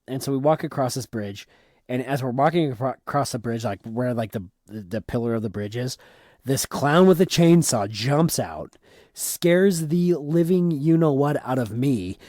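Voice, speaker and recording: A man co-hosting a podcast, chatting casually and excitedly about a theme park trip, often repeating words. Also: mid-range voice, normal speed, no echo, clean studio sound. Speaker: podcast co-host. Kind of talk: casual trip recap chat.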